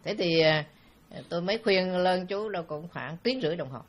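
A man, a Buddhist monk with a Southern Vietnamese accent, tells a story in a dharma talk in a relaxed, anecdotal way with frequent filler sounds. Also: sits high, a little fast.

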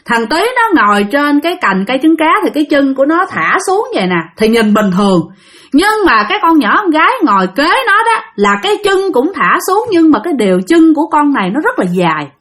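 Her voice on the high side and a little bright, a woman narrates a ghost story in a casual, chatty manner. She addresses her listeners directly.

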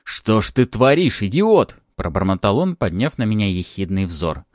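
A man voicing a fat, crooked cop who blusters and shouts threats in an audiobook. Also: lowish voice, very animated, moderate pace, no echo, clean studio sound. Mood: breathless anger.

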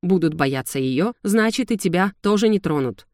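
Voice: mid-range voice, expressive, normal speed, darkish tone, no echo, studio quality, close to an everyday voice. A reader voicing a furious lizard gargoyle king, a domineering father who roars and snarls sarcastically. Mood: grim.

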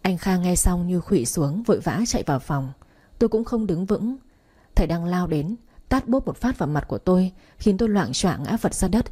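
A woman narrating a story with a steady, measured reading. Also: on the low side, husky. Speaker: audiobook narrator.

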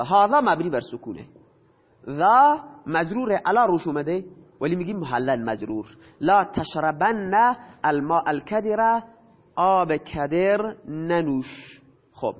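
In this dull, lo-fi recording, a high-voiced male teacher explains grammar to his class. He poses questions and supplies the answers on his own, while a lengthy reverb hangs on his words.

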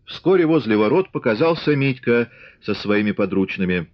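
A man narrating a novel as an audiobook in a steady, measured reading. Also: medium pitch. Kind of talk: scripted narration. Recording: dull lo-fi audiobook recording.

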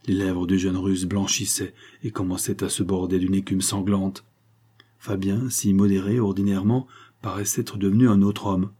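Husky low-voiced male audiobook narrator. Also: flat delivery, moderate pace, mellow.

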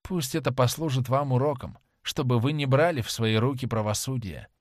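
A man's voice: mid-range voice, moderate pace, dry recording, studio quality, close to an everyday voice. A man playing a haughty young aristocrat. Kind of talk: audiobook character reading.

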